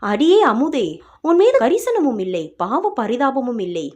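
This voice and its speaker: A woman's voice: sits high, very animated, unhurried, a little mellow. A woman voicing a patient, affectionate young man who speaks in a soothing, teasing way. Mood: tender. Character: gentle patient young man, tender suitor.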